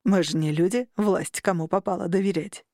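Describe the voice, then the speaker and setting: A woman reading the part of a calm, confident, possessive young male vampire in an audiobook, lowering her voice slightly. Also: normal speed, no echo, clean studio sound, natural voice. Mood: matter-of-fact. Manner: calm, low-key, confident.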